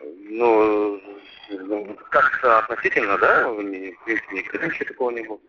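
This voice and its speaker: A man talking business casually over a landline phone, hesitant and halting, with vague answers. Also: fairly low pitch, lively intonation, pushed and bright. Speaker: recruiter taking a phone enquiry. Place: on a telephone line. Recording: muffled landline phone call, noisy line.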